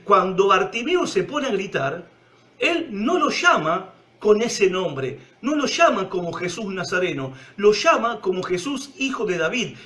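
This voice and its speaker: A man with a Rioplatense accent preaching a sermon, emphatic, swinging from loud cries to hushed low tones. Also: big pitch swings, measured pace. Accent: Rioplatense Spanish.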